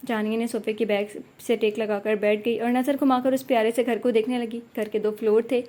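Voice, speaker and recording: A woman narrating an audio novel in a steady, unhurried reading voice. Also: a little high.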